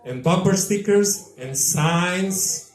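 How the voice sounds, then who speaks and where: Deadpan Yugoslav-accented comic. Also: male voice, high-pitched, slow pace, a little hiss or hum. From former Yugoslavia. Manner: deadpan, dry one-liners to a laughing crowd. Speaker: stand-up comedian. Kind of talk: live stand-up set. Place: small tavern stage, live audience. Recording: echoey live bar room.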